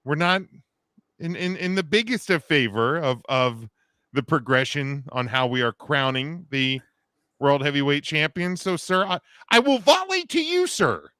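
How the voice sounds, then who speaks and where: A man's voice: on the high side, expressive, a little slow, bright, forceful tone, clean tone, no echo, clean studio sound. A man in his thirties hosting a casual wrestling podcast, joking with co-hosts and reading the news with lots of fillers. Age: 30s. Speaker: podcast host.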